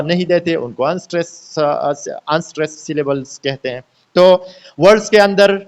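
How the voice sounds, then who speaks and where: A man teaching a lecture, explaining slowly with many "uh" fillers, mixing Hindi-Urdu with careful English sentences and often checking in with his students. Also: on the high side, dull audio. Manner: explains slowly, repeats points and checks in with "theek hai?"; hesitant with frequent "uh" fillers.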